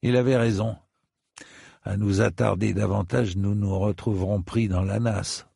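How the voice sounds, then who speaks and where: A man reading a story aloud as an audiobook narrator, measured and deliberate, close to a studio mic. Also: lowish voice, fairly even intonation, warm tone, dry recording. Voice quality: gravelly. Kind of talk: scripted narration.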